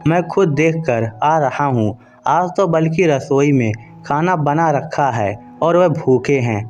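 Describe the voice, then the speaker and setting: A man's voice: on the high side, slow pace, muffled recording, soft background music. A man voicing an angry young husband. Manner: shouting, accusing. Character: angry young husband accusing his wife.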